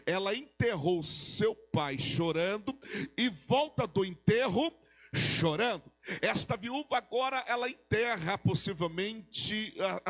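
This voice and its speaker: A Brazilian man preaching a Pentecostal sermon as pastor, with a repetitive cadence that rises into shouted, sing-song peaks. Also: sits high. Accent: Brazilian Portuguese. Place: church sanctuary.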